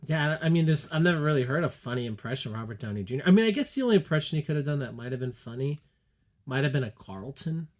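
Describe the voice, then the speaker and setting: A slightly higher-voiced man co-hosts a casual film podcast. He talks in an animated, chatty way and fills the gaps with "you know" and "like". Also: quick pace. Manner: animated, chatty, many fillers. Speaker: podcast co-host.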